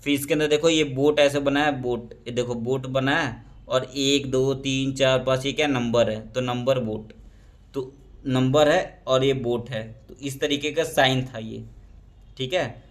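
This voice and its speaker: A man gives an exam prep history lecture at an ordinary mid pitch, moving through it step by step. He asks a question, answers it himself and checks in with "ठीक है" between points. He reads English textbook lines slowly and points at pictures as he explains. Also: fairly even intonation. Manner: explains step by step, asking and answering his own questions, often adding "ठीक है". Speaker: teacher.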